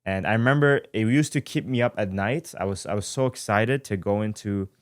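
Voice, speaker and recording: Speaking as host of his own podcast, a young Iranian man in his twenties recounts his life in a relaxed, reflective style full of fillers, pauses and self-corrections. The voice leans low, recorded at studio quality without any room sound.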